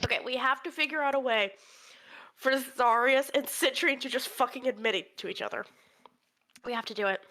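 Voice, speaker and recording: A woman chatting casually with fellow tabletop players during a break. She is excitable, playful and swears freely. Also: sits high, brisk.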